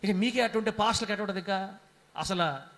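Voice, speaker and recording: A man pastor preaching a sermon with passion, swinging between hushed and loud passages and calling on the congregation to answer aloud. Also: high-pitched, a little fast. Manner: calls on the congregation to respond aloud.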